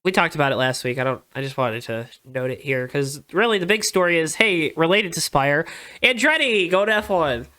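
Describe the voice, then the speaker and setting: A man's voice: a little high, fairly quick, hardly any pauses, bright, forceful tone, clean tone. A man hosting a casual podcast, running the segments with wry, mock-grumpy banter. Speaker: podcast host. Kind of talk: casual chat.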